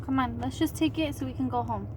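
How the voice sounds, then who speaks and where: A high-voiced woman chats casually as a mother with her children. She coaxes and encourages them in short urging phrases, with clear background noise around her. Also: quick pace. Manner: coaxing, encouraging. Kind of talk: casual family chat.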